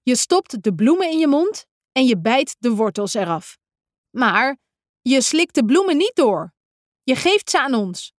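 A woman doing a cheerful male friend from a children's storybook, eager and chatty. His voice leaps around in pitch and sounds clean and close. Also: very animated, unhurried, no room sound.

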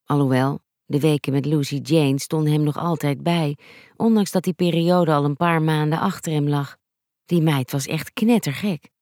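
An audiobook narrator reading a story in an even, measured storytelling manner. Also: mid-range voice, dry recording, studio quality. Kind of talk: scripted narration.

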